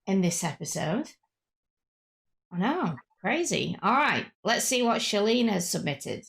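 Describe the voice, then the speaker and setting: Effusive woman hosting, lightly creaky voice. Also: medium pitch, very animated, unhurried, a bit bright. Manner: effusive, enthusiastic. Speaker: show host. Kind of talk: casual panel chat.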